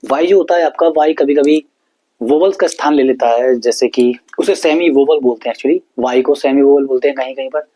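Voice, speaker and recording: A man's voice: medium pitch, mellow, poor audio. A male teacher explaining basic grammar in a lesson, spelling letters aloud and checking in with his students often. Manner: reads English definitions very slowly. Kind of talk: classroom-style lesson explanation.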